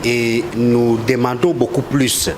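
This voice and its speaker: A man's voice: medium pitch, flat delivery, slow. Emphatic Congolese man, noisy street. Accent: Congolese French. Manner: emphatic, accusatory, with many repeated words and hesitations. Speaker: interviewed political official. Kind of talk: live street interview.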